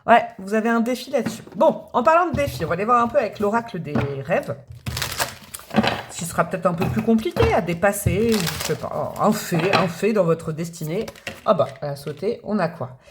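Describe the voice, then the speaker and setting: A woman's voice: mid-range voice, animated, a little fast, very noisy. A woman doing a tarot reading for the viewer, chatty and thinking aloud, with restarts and little hummed sounds. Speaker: tarot reader.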